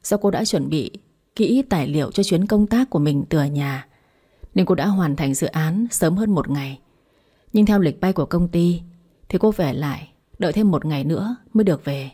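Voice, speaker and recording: A woman narrating a romance audiobook in a steady, even storytelling manner. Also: lowish voice, husky.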